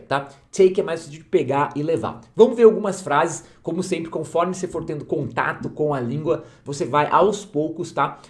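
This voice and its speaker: A man teaching English to learners in a casual online lesson, checking in often with short questions and repeating key phrases slowly. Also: a little high, darkish tone.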